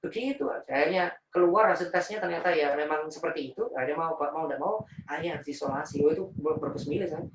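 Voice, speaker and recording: A male preacher with a Javanese accent tells a personal story in a quick, emotional, animated rush. He is recorded from a distance in an echoey room, and the sound is dull, with a faint background hum. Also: on the high side. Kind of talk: personal story in a religious talk.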